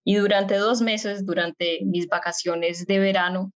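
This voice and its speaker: Woman, Colombian accent, 30s, interview guest, monotone, hesitant fillers, dull lo-fi audio. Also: medium pitch. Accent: Colombian Spanish. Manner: measured, frequent hesitation fillers. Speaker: guest, aerospace engineer. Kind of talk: interview answers. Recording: muffled lo-fi sound.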